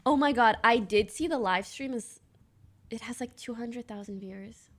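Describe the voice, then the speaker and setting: A woman's voice: a little high, normal speed. Blunt chatty woman streamer. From Canada. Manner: blunt, chatty, reads chat aloud. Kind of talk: casual live-stream chat reacting to clips.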